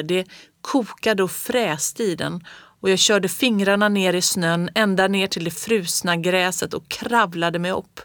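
A woman reading a children's story aloud in the first person with calm, measured storytelling. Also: mid-range voice, dry recording, studio quality. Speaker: audiobook reader.

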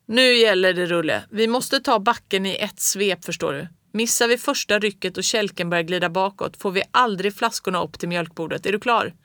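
A reader voicing a sour, stern farmer father who calls out loudly over a storm. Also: mid-range voice, hardly any pauses, no echo, studio quality. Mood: urging. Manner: calling out loudly over the wind.

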